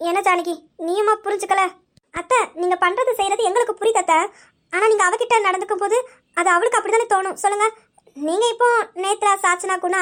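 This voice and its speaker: A woman's voice: very high voice, fairly bright tone. A woman voicing a caring daughter-in-law in a large family, soothing and persuading the others. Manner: brisk, reassuring, persuasive.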